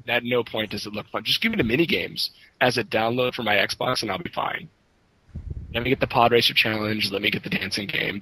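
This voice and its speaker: A young man jokes and teases his co-hosts on a gaming podcast in a bright, sharp voice with a raspy edge. The sound is close and dry, and his energy stays high. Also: no echo, rough recording. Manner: joking, teasing, enthusiastic. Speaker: podcast co-host. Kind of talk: casual gaming podcast banter.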